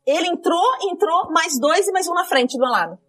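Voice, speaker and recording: A woman's voice: very high voice, brisk, far from the mic. A woman, telling a dramatic story from her rideshare driving in casual chat. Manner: lively, dramatic retelling with quoted dialogue.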